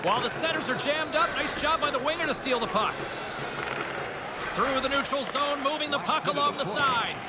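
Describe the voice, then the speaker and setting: Man, hockey game play-by-play, very high voice, loud arena crowd and music behind. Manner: brisk scripted calls, rising on shots. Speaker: play-by-play commentator. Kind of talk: video game play-by-play commentary.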